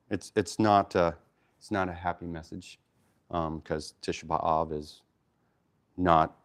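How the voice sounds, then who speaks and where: A man leads an informal Torah study. He speaks in an easygoing way, pausing to explain Hebrew words, and leaves plenty of fillers and restarts in his talk. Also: low voice. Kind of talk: casual Bible teaching.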